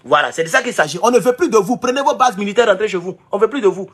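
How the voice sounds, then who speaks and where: Husky, lively Burkinabè man. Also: high-pitched, very fast. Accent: Burkinabè French. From Burkina Faso. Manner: animated, exhorting listeners as comrades, frequent restarts. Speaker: online political commentator. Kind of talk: political commentary vlog.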